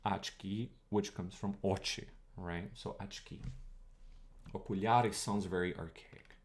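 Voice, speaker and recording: Croatian native guy streaming a language lesson, lowish voice, lots of fry, rambles and thinks out loud. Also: fairly even intonation, unhurried. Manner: chatty, digressive, thinking aloud with fillers. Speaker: streamer teaching linguistics. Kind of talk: casual live-stream lecture.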